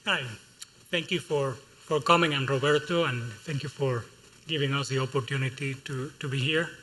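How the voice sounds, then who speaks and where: A man from Cuba with a Cuban Spanish accent, a chef speaking on a panel at a public event. He talks in a thoughtful, measured way, with pauses. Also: mid-range voice, steady tone, bright, forceful tone, low-quality recording. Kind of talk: panel talk. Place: museum event hall.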